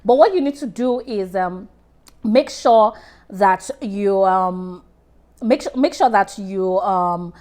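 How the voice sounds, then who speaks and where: A personal finance vlogger speaks to camera in a slow, slightly mellow, mid-range voice, offering casual money advice in a direct, chatty way. She often restarts her sentences and calls on viewers by name.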